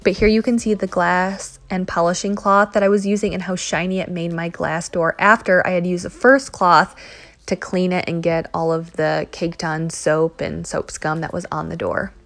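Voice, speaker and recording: A woman in her thirties with a fairly low, level voice talks at normal speed in a casual voice-over for her home cleaning vlog. She addresses her viewers directly as she narrates.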